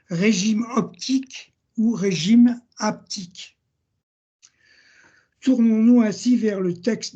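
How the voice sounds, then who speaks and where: An older man giving an academic seminar lecture, reading measured passages from his notes, citing sources and page numbers, and correcting himself now and then. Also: high-pitched, dark tone, breathy edge, lo-fi sound.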